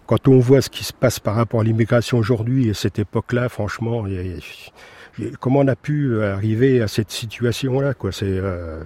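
An older man from Italy, a former factory worker, giving an indignant, halting interview full of fillers. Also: deep voice, warm tone, slightly rough. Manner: hesitant, many fillers, indignant. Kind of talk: documentary interview testimony.

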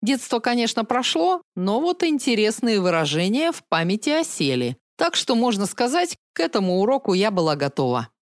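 A woman narrating an audiobook in the first person, playful and lively. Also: a little high, normal speed, few pauses, no echo, studio quality.

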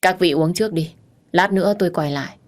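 A woman's voice: fairly low pitch, fairly quick, lightly acted. A woman doing a firm, scolding ex-lover man. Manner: insistent, scolding. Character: man, protective former lover.

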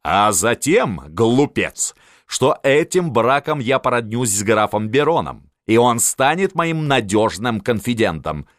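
Man doing a scheming old field marshal, barks orders, big swings of pitch, dry close sound. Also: sing-song, a little slow, a bit bright, no echo. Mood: commanding. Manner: barking, domineering.

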